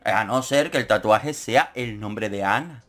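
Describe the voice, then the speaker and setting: A man's voice: on the low side, a bit bright. A man giving camp, sarcastic commentary on a reality show as a YouTuber. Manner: camp, sarcastic, quick jokes. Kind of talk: casual comedic commentary.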